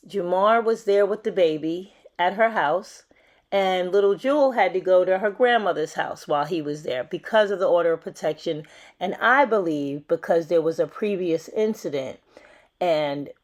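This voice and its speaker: A woman's voice: on the low side, a little mellow. Chatty woman hosting true crime commentary. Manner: chatty, conversational, with fillers. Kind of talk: casual commentary.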